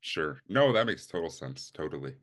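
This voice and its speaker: A man's voice: very deep voice, very animated, moderate pace, fairly bright tone. A man interviewing in a casual, enthusiastic and agreeable way.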